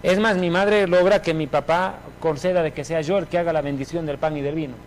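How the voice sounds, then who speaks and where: A man giving a personal religious testimony in an emphatic, animated storytelling manner. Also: fairly high pitch, fairly quick, a little hiss or hum, poor audio.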